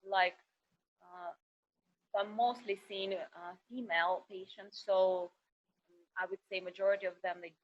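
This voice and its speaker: A middle-aged woman from Kazakhstan, a doctor speaking over a video call, halting and searching for words with many fillers. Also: mid-range voice, steady tone, slight background noise. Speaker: emergency doctor, guest. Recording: dull, lo-fi internet call audio.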